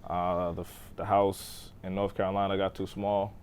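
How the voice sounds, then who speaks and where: There's slight background noise as this podcast guest, a man in his thirties who was born in Texas and raised in Boston, casually describes growing up in an interview. He speaks at normal speed in a low, darkish voice with little pitch movement, using many fillers and often trailing off.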